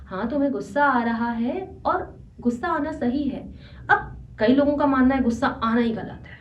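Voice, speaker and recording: A woman's voice: sits high, moderate pace, a little hiss or hum. A woman life coach giving an earnest, conversational motivational talk, mixing in English phrases. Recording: echoey, distant and dull.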